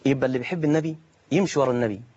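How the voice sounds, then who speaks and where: A man's voice: medium pitch, rapid-fire, darkish tone. A man with an Egyptian accent preaching a colloquial sermon, firing off rhetorical questions and answering imagined objections from listeners. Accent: Egyptian Arabic. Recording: dull lo-fi recording.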